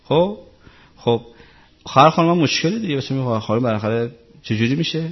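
Man, cleric, middle-aged, chatty religious talk, rhetorical questions, average pitch, dull lo-fi recording. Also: lively intonation, husky. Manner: conversational, repetitive, asks rhetorical questions. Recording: muffled lo-fi recording.

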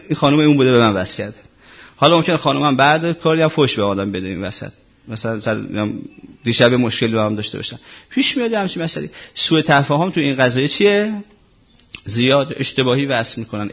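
Man giving a chatty religious talk. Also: medium pitch. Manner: conversational, repetitive, asks rhetorical questions. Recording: muffled lo-fi recording.

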